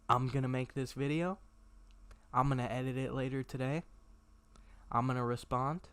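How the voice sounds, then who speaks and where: A man's voice: fairly high pitch, a bit bright, no echo. A young man, a YouTuber, ranting bluntly and profanely to camera in a confrontational callout.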